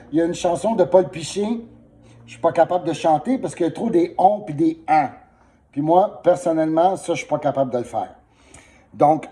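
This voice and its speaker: A man teaches a one-on-one singing lesson, patiently walking a student through vowels. His voice sits fairly high but sounds mellow, and he speaks very slowly. A sore throat makes him cough and clear his throat often. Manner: patient, instructive, demonstrating vowels.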